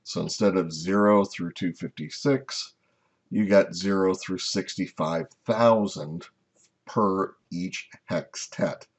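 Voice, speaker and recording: Deep, husky-voiced man lecturing slides. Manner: unhurried, explanatory, frequent "uh" and "um" fillers. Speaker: instructor.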